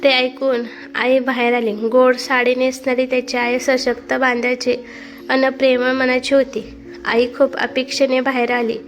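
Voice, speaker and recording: A woman narrating a family story and voicing the characters' dialogue herself. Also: sits high.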